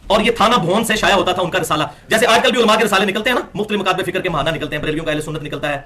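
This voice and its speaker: High, bright-voiced man giving an emphatic religious lecture. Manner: emphatic, quotes sources and reads passages aloud; swings between raised, forceful phrases and low asides. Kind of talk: religious lecture citing books.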